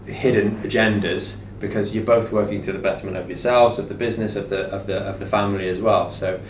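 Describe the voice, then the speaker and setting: A business owner co-hosting a laid-back talk explains where he stands, his low-side voice quick-paced with fairly even intonation. Background noise and an echoey room are audible through a distant mic.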